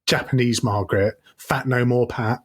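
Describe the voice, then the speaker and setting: A man's voice: mid-range voice, fairly even intonation, moderate pace, breathy edge. A man co-hosting a comedy podcast, chatting casually and enthusiastically, with laughs between his points. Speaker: podcast co-host. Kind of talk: casual comedic ranking chat.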